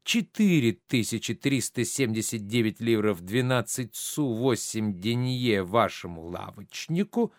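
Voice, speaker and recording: A man's voice: fairly low pitch, animated, measured pace, few pauses, dry recording, clean studio sound. A man reading a stage play aloud, voicing a gullible, eager middle-aged bourgeois who fawns over a noble. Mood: reckoning.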